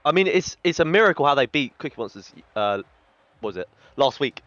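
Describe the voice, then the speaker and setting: A man's voice: medium pitch, big pitch swings, a little fast, a bit bright, no room sound, dull audio. A man commentating an online esports tournament in a chatty way, with announcer-style hype lines. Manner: chatty, reads out team chats, hype lines.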